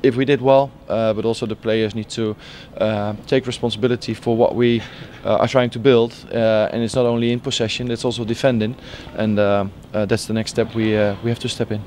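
A football head coach in his forties gives a post-match interview outdoors beside the pitch at a stadium, with a faint outdoor hum underneath. His voice is level and flat with little pitch movement, and he halts often, using many fillers and restarting sentences as he searches for words.

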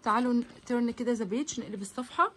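A woman with an Egyptian Arabic accent teaching English vocabulary, sounding out words slowly and coaxing her students along. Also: a little high, fairly bright tone. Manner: slow, drawn-out pronunciation of English words; encouraging, addresses students directly. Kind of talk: vocabulary lesson.

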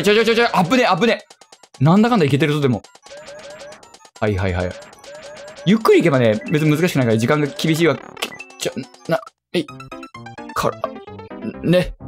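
Excitable young man yelping over a game. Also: on the high side. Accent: Kyushu Japanese. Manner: excitable, talks to himself, yelps and mutters. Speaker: game streamer. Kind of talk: let's play commentary.

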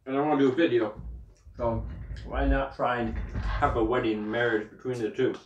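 A man's voice: mid-range voice, steady tone, normal speed, distant mic, dull audio, soft background music. A man chatting casually in a vlog from his bedroom, rambling between topics and talking while he eats. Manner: rambling, talks while eating. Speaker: vlogger. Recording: roomy echo, a little off-mic.

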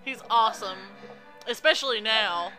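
A woman's voice: on the high side, normal speed, over music. A woman hosting a let's play, chatting casually and giggling as she gushes about the game. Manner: giggly, gushing fan chatter. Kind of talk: casual gameplay commentary.

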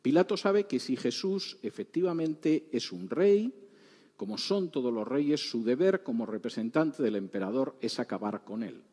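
A man in his sixties from Spain with a Spanish accent teaches the Bible and retells its scenes in lively everyday speech. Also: mid-range voice, breathy edge. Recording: reverberant hall.

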